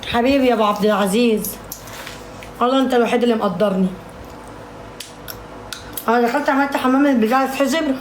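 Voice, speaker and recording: Fast-talking bickering Egyptian woman. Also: a little high, a little hiss or hum. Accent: Egyptian Arabic. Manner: bickering, complaining, teasing. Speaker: live streamer. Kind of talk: casual livestream chat. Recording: echoey room.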